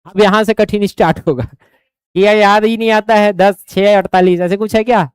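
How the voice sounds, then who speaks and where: Male coaching tutor with a Chhattisgarhi accent, drills figures by repetition, clear resonant voice, dry close sound. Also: high voice, steady tone, normal speed, no room sound. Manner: drills numbers by repetition, keeps asking if students follow. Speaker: teacher. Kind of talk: exam coaching lesson.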